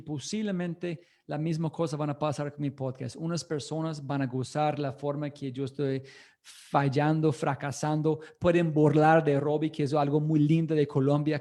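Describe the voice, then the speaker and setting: Energetic man in halting Spanish. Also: a little high. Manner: energetic, enthusiastic; halting non-native Spanish. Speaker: interview guest, podcaster. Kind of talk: livestreamed interview talk.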